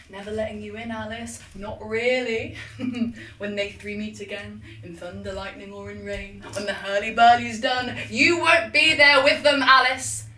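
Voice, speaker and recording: A woman's voice: medium pitch, fairly bright tone, far from the mic, lightly acted. A woman playing a menacing goddess who haunts dreams in a theatrical drama, taunting and commanding as if chanting a spell. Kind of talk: theatrical stage acting. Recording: echoey hall from afar, faint noise.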